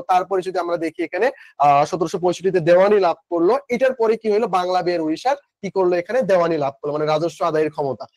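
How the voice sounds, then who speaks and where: A young man with a Bangladeshi Bengali accent runs a live online class in a high-pitched voice. He keeps things chatty, firing questions at the class and answering them himself between student comments. The sound is dry and close to the mic. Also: a little mellow, dry recording. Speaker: online admission-coaching teacher.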